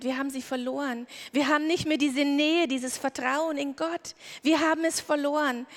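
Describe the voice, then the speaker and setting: A woman preaching a sermon, retelling a Bible story vividly and acting out the characters' lines. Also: sits high. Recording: long hall reverb.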